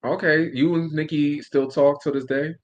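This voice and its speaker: A man's voice: a little high, steady tone, normal speed, lo-fi sound. A man from upstate New York interviewing a guest in a casual, conversational style. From Albany, New York, also Brooklyn and Long Island.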